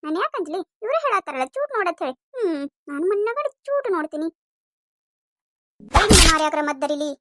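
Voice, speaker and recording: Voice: extremely high pitch, big pitch swings, a little fast, a bit bright, a little hiss or hum, full character voice. A voice actor playing a naive, defensive young village daughter-in-law with a North Karnataka accent in a cartoon comedy. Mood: plaintive.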